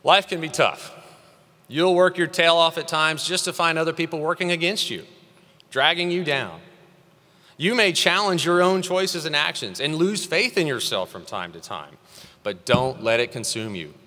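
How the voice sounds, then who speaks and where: A man's voice: on the high side, lively intonation, moderate pace, pushed and bright. A man in his thirties from Texas giving an earnest, encouraging commencement address at a podium microphone in a large hall. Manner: earnest, encouraging, rising emphasis on key phrases. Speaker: commencement speaker. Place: large hall at a graduation ceremony. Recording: long reverb of a large hall.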